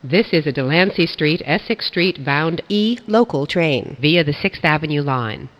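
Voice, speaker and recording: A woman reading scripted automated subway announcements in a formal, measured way. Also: deep voice, lively intonation. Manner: formal, measured delivery of stop and line information. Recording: dull, band-limited announcement audio.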